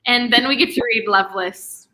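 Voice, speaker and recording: A woman's voice: a little high, bright, forceful tone. A young woman hosting a casual livestream book discussion, chatty and full of "like" fillers. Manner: chatty, many "like" fillers, quick asides. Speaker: booktube host.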